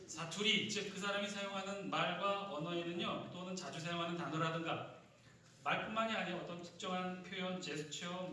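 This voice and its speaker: A man preaching a Sunday sermon, talking with his congregation and tossing them questions, now and then mimicking regional dialect words for fun. His voice sits a little on the high side. It rings through a very echoey church hall from a mic some distance away, with faint room noise. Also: sharp tone. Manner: conversational, asks the congregation questions and repeats their answers. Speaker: pastor. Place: church sanctuary.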